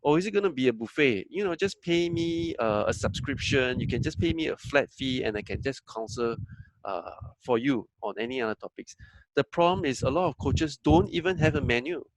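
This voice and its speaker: A man's voice: medium pitch, expressive, fairly quick, dry recording, rough recording. A man giving a training talk as a business coach, conversational and full of fillers, often acting out what others say. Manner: conversational, acts out quoted dialogue, frequent fillers.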